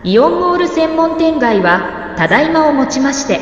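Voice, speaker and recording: A woman's voice: high-pitched, sing-song, normal speed. A woman reading a scripted mall closing announcement in an ultra-polite, formal store-announcer manner. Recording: echoey mall PA, long reverb, muffled. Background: loud music.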